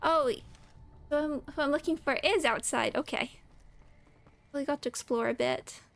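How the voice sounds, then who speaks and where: A woman's voice: high voice, normal speed, gravelly. A woman giving casual let's play commentary, musing aloud in short fragments as she plays a video game. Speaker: gamer commenting on her own playthrough.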